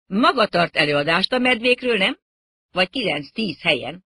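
A reader voicing a huge, brash male rock musician who talks loudly and breezily, with a husky tone. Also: mid-range voice, lively intonation, pitched above the performer's own voice, exaggerated voice.

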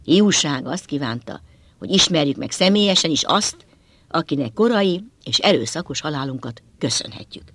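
A man narrating a first-person novel with an expressive, dramatic reading, close to the mic. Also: a little high, no room sound. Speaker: audiobook narrator.

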